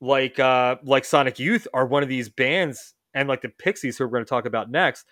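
A man's voice: mid-range voice, moderate pace, fairly bright tone, dry recording, studio quality. A man hosting a casual music chat, rambling and often correcting himself mid-sentence. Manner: rambling, self-correcting, lots of restarts. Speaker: podcast host.

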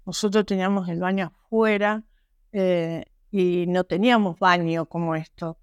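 An Argentine woman, a guest author, telling her personal story in an interview, halting and earnest with frequent restarts. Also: lowish voice, steady tone, smooth, dry recording, lo-fi sound. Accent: Argentine Spanish. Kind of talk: personal testimony in a podcast interview.

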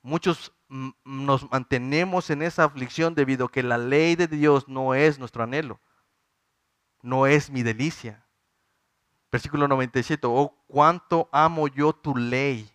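A man's voice: medium pitch, fairly even intonation, normal speed, no echo. A man in his thirties preaching a sermon, earnestly questioning the congregation and building in fervor.

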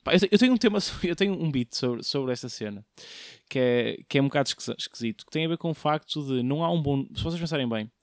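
This young Portuguese host and comedian talks in a slightly high, animated voice at a quick clip, riffing through a slangy comedic monologue and frequently posing questions to listeners. The audio is clean studio sound with no room noise.

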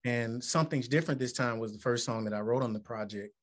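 A man's voice: mid-range voice, fast. A man in his forties from Alabama, a musician and motivational speaker, answering interview questions in an earnest, reflective way that builds to emphatic points. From Alabama, United States. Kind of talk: interview conversation.

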